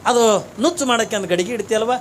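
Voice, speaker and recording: A preacher voicing a calm, kindly wandering holy man with a North Karnataka Kannada accent, speaking gently. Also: high-pitched, quick pace, slight background noise, pitched below the performer's own voice, close to an everyday voice. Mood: gentle, reassuring.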